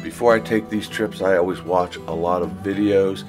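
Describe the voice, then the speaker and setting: A middle-aged travel vlogger with a low voice casually tours a casino hotel, its casino and a room, sharing practical travel tips in a chatty, easygoing manner. He films on a handheld phone camera at normal speed, with music in the background.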